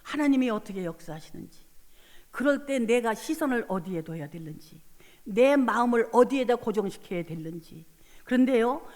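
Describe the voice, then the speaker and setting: A middle-aged woman preaching at a revival, voice a little high for a woman. She tells her story by acting out old conversations, then lifts into fervent, pleading prayer. A long church-hall reverb trails every phrase. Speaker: preacher giving testimony. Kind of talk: revival sermon testimony. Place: church sanctuary.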